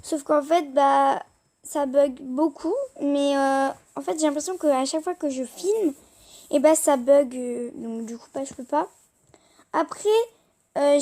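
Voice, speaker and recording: A young woman whose high voice has a dark tone speaks French in a casual screen-recorded chat. She walks through her tablet apps in a halting, rambling way full of fillers.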